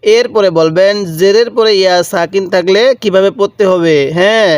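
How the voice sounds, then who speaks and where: A man's voice: high voice, steady tone, clear, resonant tone, no room sound, studio quality. A man teaching Quran letter reading step by step, patiently repeating and drawing out each syllable. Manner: patient, repetitive, drawn-out syllables. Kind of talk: step-by-step recitation lesson.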